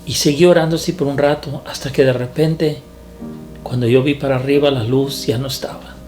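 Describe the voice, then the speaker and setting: A man, a preacher, telling his testimony in a sermon in an earnest, halting way that repeats words. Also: medium pitch, fairly even intonation, a little mellow, faint music behind.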